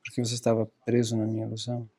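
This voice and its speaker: A man's voice: fairly low pitch, monotone, very fast, dark tone. A man interpreting a sermon phrase by phrase, rendering it fluently and steadily.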